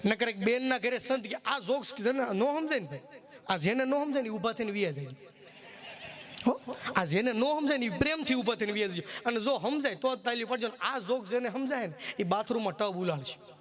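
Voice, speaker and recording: A man's voice: extremely high pitch, lively intonation, fairly quick, fairly bright tone. A man doing live folk stage comedy, telling jokes and teasing the audience. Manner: folksy, teasing, acts out characters in raised voices.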